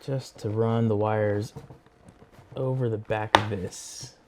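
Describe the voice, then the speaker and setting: Background noise sits under this fairly low, fairly evenly intoned male voice. He hosts a motorcycle gear install video, working with his hands and casually talking through every step without any hurry.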